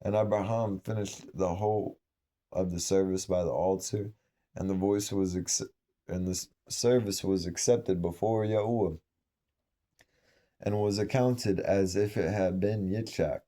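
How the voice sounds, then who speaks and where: A man reading aloud from an old scripture in a measured, solemn way, with occasional slips and restarts. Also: low-pitched, warm tone. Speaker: scripture reader.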